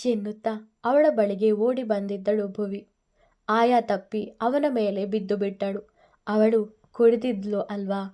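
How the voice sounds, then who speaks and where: A woman narrating a romance serial story in a scripted, even way. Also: medium pitch.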